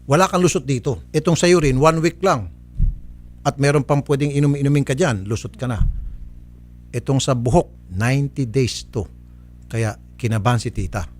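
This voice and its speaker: A man's voice: medium pitch, normal speed, a little mellow. A man hosting a public service show, scolding a caller with curt refusals and mocking laughs. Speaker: radio-TV public service host. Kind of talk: stern on-air case ruling.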